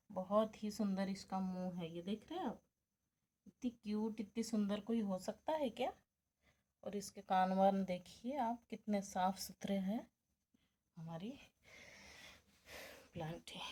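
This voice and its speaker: A woman chatting casually to her viewers in a home vlog, talking fondly about her pets and her day, sounding tired at times. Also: warm tone. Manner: coos at her rabbits in a high sing-song voice; chatty, addresses viewers as friends. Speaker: vlogger.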